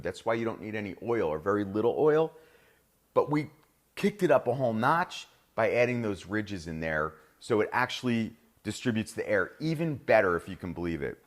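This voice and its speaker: A middle-aged man with a New Jersey accent, hosting a live cooking demonstration in an upbeat, chatty way and talking straight to viewers. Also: medium pitch. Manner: upbeat, chatty, addresses viewers as "you guys". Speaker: cooking show host.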